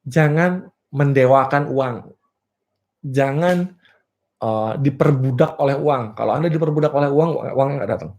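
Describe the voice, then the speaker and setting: A man's voice: medium pitch, normal speed, pauses often, darkish tone. A male business coach giving a motivational seminar talk, playful, asking rhetorical questions and laughing at his own jokes. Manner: playful, rhetorical, repeatedly checks "clear?" with the audience. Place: live and virtual seminar.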